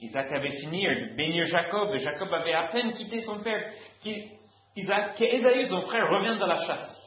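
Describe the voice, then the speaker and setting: A man reads scripture in a steady, measured way. His voice sits somewhat high. The recording is roomy and dull, with faint noise underneath. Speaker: Bible reader. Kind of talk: scripture reading.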